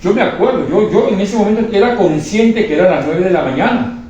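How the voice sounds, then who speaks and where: A man's voice: high-pitched, lively intonation, fairly quick, darkish tone, highs cut off. A man giving an emotional religious testimony. He speaks with fervor, repeats himself and often stumbles into restarts. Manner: fervent, repetitive, stumbling restarts. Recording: echoey room, distant mic, faint noise.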